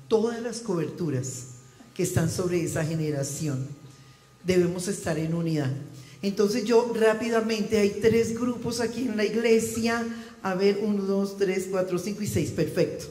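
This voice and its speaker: A man preaching in a church, leading the congregation through a call-and-response reading and shouting out the cue words. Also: high-pitched. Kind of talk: interactive sermon with call-and-response cues. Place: church sanctuary. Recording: echoey hall with long reverb.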